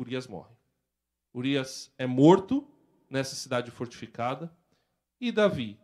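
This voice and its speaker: Brazilian pastor with a raised voice. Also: male voice, a little high. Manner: vivid storytelling, retelling scenes in everyday speech. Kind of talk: sermon.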